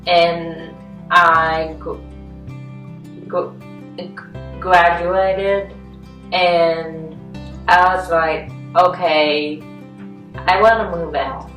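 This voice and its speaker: A woman in her twenties from North Carolina, speaking haltingly in an interview, with long pauses between words. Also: lowish voice, lo-fi sound. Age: 20s. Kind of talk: personal interview. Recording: roomy room, distant mic, soft guitar.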